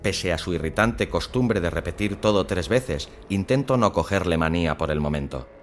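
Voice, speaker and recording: Very low male narrator, measured suspense reading, soft music under it. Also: expressive. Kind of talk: first-person story narration.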